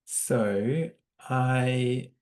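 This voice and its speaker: An Australian man hosting a spiritual interview podcast, talking casually with frequent fillers and soft laughs. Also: mid-range voice, very slow. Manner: warm-hearted, hesitant, with many fillers and laughs. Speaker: podcast host.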